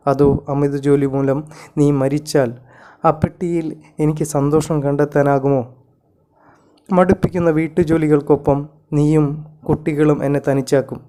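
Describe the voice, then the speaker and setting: A man's voice: a little high, mellow, natural voice. A man reading as a weary, worried young mother. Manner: measured bilingual reading of her lines.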